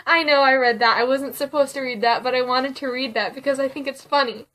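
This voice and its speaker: A woman reading a spooky story aloud and chatting casually, giggling often and dropping to a hush for the suspenseful parts. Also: high-pitched, fairly even intonation, brisk, recorded from a distance. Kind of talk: casual storytelling and vlog chat.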